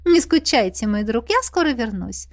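A woman voicing a sly, flirtatious fairy princess who purrs and teases in a high, bright voice. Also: sing-song, moderate pace. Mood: coy teasing. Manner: purring, coy.

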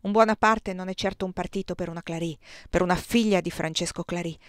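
A woman reading the part of a gruff older male army colonel in an audiobook, brusque and blustering, raising her voice when he gets annoyed. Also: fairly low pitch, steady tone, fairly quick, no room sound, studio quality, natural voice.

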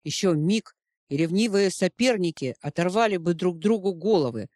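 A woman giving expressive, dramatic audiobook narration. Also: lowish voice, normal speed, no room sound, clean studio sound.

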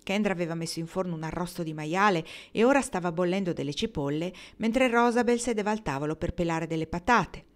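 A woman reads a novel aloud in a measured, expressive way. Her voice sits fairly low for a woman. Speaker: audiobook reader. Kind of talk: novel narration.

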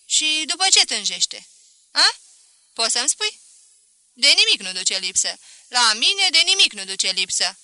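A loud, self-pitying middle-aged shopkeeper from a storybook reading, grumbling over and over about his lot, as a woman acts him out. The voice is bright and close, with a dry, echo-free sound. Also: fairly high pitch, very animated, pauses often, full character voice. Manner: loud, complaining, repeating himself.

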